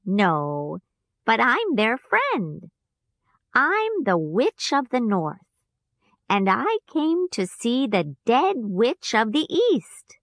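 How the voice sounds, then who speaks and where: A gentle good witch from a storybook speaks slowly and soothingly, put on by a woman reading aloud. Her voice is lively and rises high, recorded dry and close. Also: no room sound, exaggerated voice. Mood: kindly.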